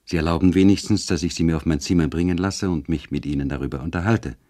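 A man voicing a polite, cultured nobleman who speaks slowly and courteously. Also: low voice, warm tone, lightly acted.

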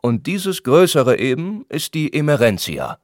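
A man voicing a pompous older gentleman who lectures in a lofty, declaiming way, in an audiobook reading. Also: a little high, big pitch swings, a little slow, no room sound, studio quality, pitched above the performer's own voice. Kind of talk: audiobook character voice.

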